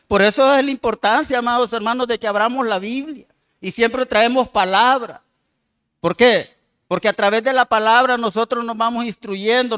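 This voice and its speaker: A man preaching a sermon, reading scripture slowly and loudly and calling the congregation "hermanos" again and again. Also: high voice, smooth. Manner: addresses the congregation with frequent "hermano" and "amados hermanos". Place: church.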